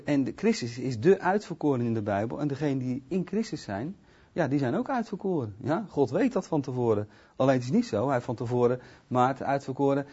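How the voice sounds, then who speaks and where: A man giving an informal bible teaching in a conversational way, often checking in with his listeners and swinging between soft asides and loud, emphatic stresses. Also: a little high, breathy edge. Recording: dull lo-fi recording.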